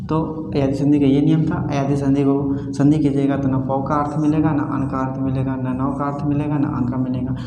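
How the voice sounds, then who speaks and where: A man's voice: mid-range voice, level tone, fairly quick, hardly any pauses, warm tone, slight background noise. A man with a Bhojpuri-tinged Hindi accent teaching a Sanskrit grammar lesson, asking questions and answering them himself, repeating key syllables as drills. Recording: roomy echo with long reverb, faint music.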